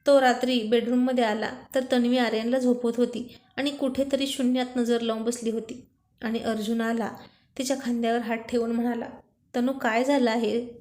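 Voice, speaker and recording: A woman storyteller narrating a serialized romance story in a steady, plain way. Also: fairly high pitch, brisk. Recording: roomy echo.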